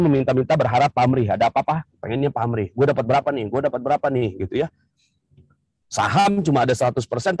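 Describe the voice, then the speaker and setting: A male motivational religious speaker from Indonesia giving a lively seminar talk, asking the audience rhetorical questions and acting out little scenes. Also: medium pitch, slightly rough, no echo.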